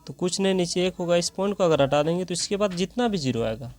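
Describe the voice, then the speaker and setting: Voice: mid-range voice, expressive, fast talker, darkish tone. A math teacher, working through problems step by step and asking rhetorical questions along the way.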